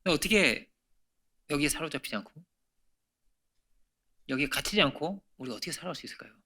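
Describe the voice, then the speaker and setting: A man in middle age preaches a Sunday sermon from a church pulpit. His voice is bright and forward, sitting a little high for a man. He keeps the tone conversational, throws rhetorical questions to the room, and moves between emphatic peaks and hushed near-whispers. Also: expressive, fast. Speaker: pastor. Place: church sanctuary.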